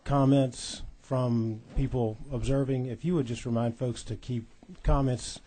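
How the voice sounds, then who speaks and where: A man on the committee politely asking the chair to keep the audience quiet, starting haltingly. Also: mid-range voice, steady tone.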